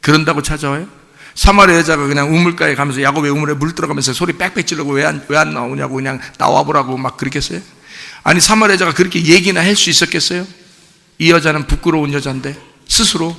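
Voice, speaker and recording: A man's voice: fairly high pitch, quick pace, gravelly, bright, forceful tone. A man preaching a Sunday sermon in a church, asking the congregation questions and acting out the quoted lines. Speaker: pastor. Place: church sanctuary. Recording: church hall reverb.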